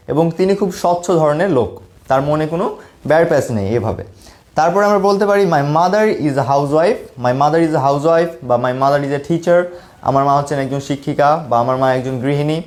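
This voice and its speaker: A man's voice: on the high side, darkish tone. Man teaching spoken English. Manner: explains in Bengali, reads English examples slowly and repeats them.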